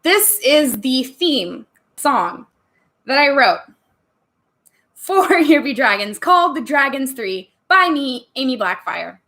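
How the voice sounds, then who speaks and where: A woman's voice: high-pitched, very animated, takes it slowly, bright, forceful tone. Giggly chatty woman on a livestream. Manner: giggly, chatty, laughs often between answers; sips wine on stream and jokes about getting tipsy. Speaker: livestream host answering viewer questions. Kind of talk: casual live chat.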